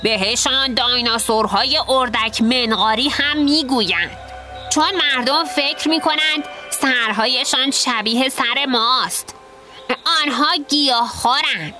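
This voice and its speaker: A woman's voice: high voice, sharp tone. A woman voicing a young boy dinosaur who patiently explains things, reading storybook dialogue over music. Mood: explaining. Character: young boy dinosaur, curious know-it-all. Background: background music.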